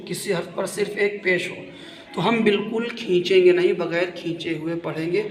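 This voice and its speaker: High-voiced man teaching letters patiently. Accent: Indian Hindustani. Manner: patient, repetitive, spells out letters slowly. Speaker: Quran reading teacher. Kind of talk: step-by-step spelling lesson. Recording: echoey room with reverb.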